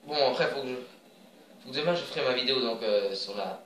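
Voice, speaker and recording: Homme bavard qui commente son propre match de jeu vidéo, ton enjoué, voix moyenne, prise de son lointaine dans une pièce qui résonne. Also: male voice, mid-range voice, fairly quick, echoey room, far from the mic, slight background noise, low-quality recording. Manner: chatty, excitable, cheers on his players. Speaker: video game player. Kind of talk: casual gameplay commentary.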